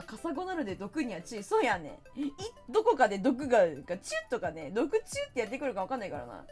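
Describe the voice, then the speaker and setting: A woman streamer chatting casually while gaming and reading viewer comments, in a playful, animated way. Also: a little high. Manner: animated, playful, quick to laugh and mimic others.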